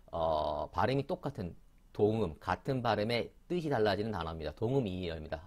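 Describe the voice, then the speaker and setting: Casting: man, lower voice, easygoing vocabulary teacher with fillers and self-corrections. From Korea. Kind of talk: explanatory vocabulary lesson.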